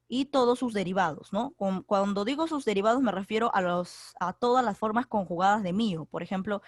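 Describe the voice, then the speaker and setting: A woman's voice: medium pitch, dry recording. Secondary teacher, woman, online class over a computer mic, repeats key words, dry sound. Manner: explanatory, repeats key words, frequent fillers. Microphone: computer mic on a video call.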